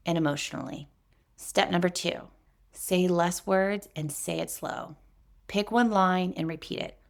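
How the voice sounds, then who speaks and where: A woman hosting a parenting podcast, giving steady, step-by-step scripted talk. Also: lowish voice, creaky. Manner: steady, instructive, lists steps.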